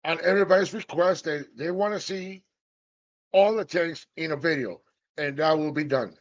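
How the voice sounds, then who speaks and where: A man with a fairly high voice, speaking at normal speed through dull-sounding audio, runs a casual aquarium vlog from the fish room in his living room. He's pumped and playful, repeats his phrases, and puts on mock announcer voices.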